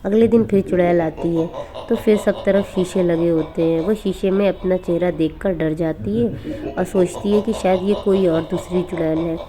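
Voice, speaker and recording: A woman narrating a cartoon horror story in a plain, steady storytelling manner. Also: lowish voice, normal speed, a crowd in the background.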